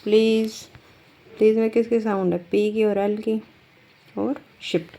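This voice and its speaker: A woman's warm, mid-range voice moves unhurriedly and with little pitch movement as she teaches shorthand in steps. She asks her students questions patiently, then answers them herself. While writing, she lengthens her words.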